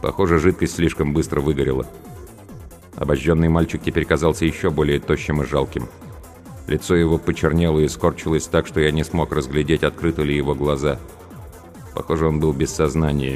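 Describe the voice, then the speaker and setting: A man narrating an audiobook in a steady, grim storytelling manner. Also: extremely low pitch, brisk. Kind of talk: audiobook reading. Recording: reverberant room, faint music behind.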